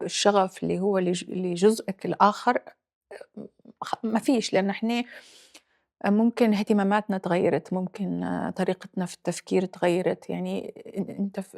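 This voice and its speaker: Woman, 40s, Libyan accent, gravelly edge, reflective, halting, interview guest. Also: medium pitch, darkish tone. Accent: Libyan Arabic. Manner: reflective, halting, mixes in English phrases. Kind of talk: personal interview.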